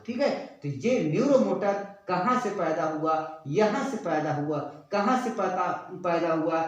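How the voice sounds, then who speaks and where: High-voiced man teaching in an echoey room. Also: far from the mic. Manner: repeats and quizzes students with rhetorical questions; spells out terms letter by letter while writing. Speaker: biology teacher. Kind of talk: classroom-style lesson at a board. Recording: very echoey room, speaking away from the mic.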